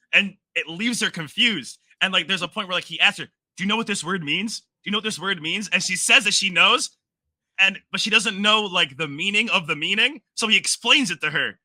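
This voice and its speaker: A man's voice: sits high, normal speed, pushed and bright, dry recording. A man giving casual storytelling commentary as a panelist, repeating himself and mimicking what he describes.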